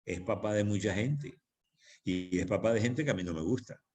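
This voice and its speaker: A man's voice: lowish voice, expressive, moderate pace, darkish tone. A man preaching as pastor in a church, teaching on prayer with emphatic repetition. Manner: emphatic, repeats phrases for stress.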